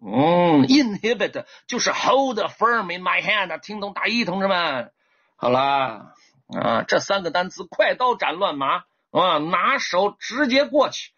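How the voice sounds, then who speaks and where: A lively, fairly high-voiced man teaches English vocabulary in an animated livestream lesson, his pitch swooping up in sudden exclamations. His voice is husky and a little rough. The audio is dull and lo-fi. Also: unhurried. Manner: animated, asks viewers to type one.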